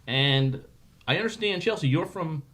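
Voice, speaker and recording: A man's voice: on the high side, normal speed. A man hosting a casual chat show, joking with his guests and often restarting his sentences. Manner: joking, animated, with frequent restarts. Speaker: host.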